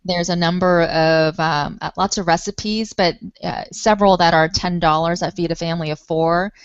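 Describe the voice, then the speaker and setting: A woman's voice: fairly low pitch, fairly even intonation, normal speed, dull audio, background noise. A woman from Taiwan, a nonprofit spokesperson, talking earnestly in a panel discussion with many fillers.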